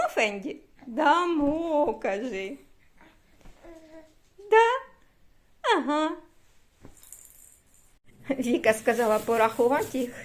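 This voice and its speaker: Older woman from Ukraine, high bright voice, chatty homey vlogger who coos at her pet. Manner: chatty, cooing affectionately at her dog. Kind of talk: casual home vlog chat. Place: indoors at home, then at a neighbor's house.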